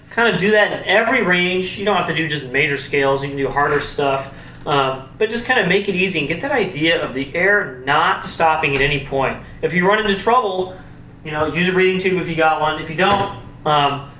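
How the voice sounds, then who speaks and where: Slightly high, his voice sounds pushed and bright as he leads brass warmup exercises for the camera. He instructs informally, explaining and thinking aloud. The sound is distant and roomy, with a little noise.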